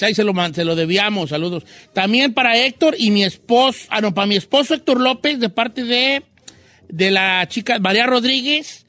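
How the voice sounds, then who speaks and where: A high, bright-voiced man hosts a radio show. He jokes around with his co-hosts in playful slang and reads out listener greetings in a loose, casual way.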